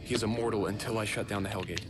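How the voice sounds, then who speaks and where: A man's voice: fairly low pitch, steady tone, rapid-fire, heavy background noise, natural voice. An actor playing a stern young man who gives terse, commanding orders in a game cutscene. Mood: grim, commanding. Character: stern young man planning a demon hunt.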